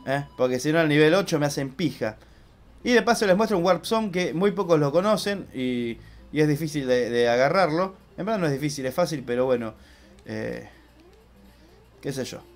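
A young man with an Argentine accent hosting a casual let's-play, chatty and excitable, swearing loudly when he fails. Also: a little high, normal speed, faint music behind. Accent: Argentine Spanish. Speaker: gaming channel host.

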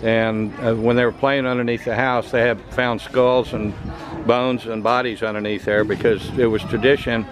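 With a medium-pitched voice that barely moves and a moderate pace, an older American vlogger ambles through a tropical garden, chatting casually as he films handheld and points out sights. Outdoor noise comes through on the camera mic.

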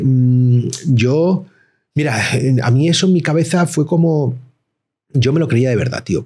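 A man, a rapper guest telling stories in slangy, animated casual chat. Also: mid-range voice, slightly rough. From Madrid, Spain. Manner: slangy, animated storytelling with acted-out voices.

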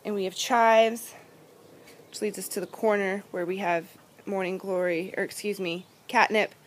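Speaking at a normal pace with a steady, medium-pitched voice, a young woman gives an upbeat, chatty walking tour of her backyard garden, pointing things out as she goes. She holds a phone camera outdoors, so background noise comes through and her hand sometimes covers the mic.

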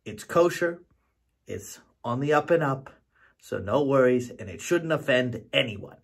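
Animated, theatrical middle-aged male joke-teller. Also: mid-range voice, unhurried, creaky, breathy edge. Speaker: actor telling jokes. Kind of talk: storytelling joke to camera. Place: home studio.

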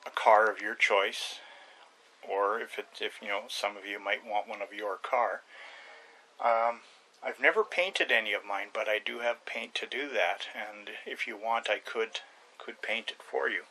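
Older man, bright voice, halting ramble. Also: lowish voice, low-quality recording. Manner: rambling, halting, with many uhs and restarts. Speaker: hobby carver and channel host. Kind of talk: casual home video show-and-tell. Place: small room at home with shelves of model trucks. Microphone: webcam close to the face.

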